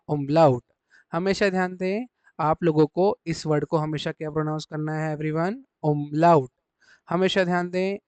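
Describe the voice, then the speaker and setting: A man's voice: sits high, darkish tone, clean tone, no room sound. A man teaching a beginner language lesson, asking questions and repeating each answer. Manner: repeats each answer in call-and-response quizzing. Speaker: German teacher.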